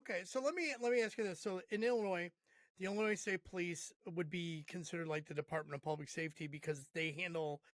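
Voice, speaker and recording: A man's voice: sits high, fast, dry recording. A man from the Chicago area hosting a podcast, asking friendly, rambling questions. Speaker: podcast host. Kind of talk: conversational interview.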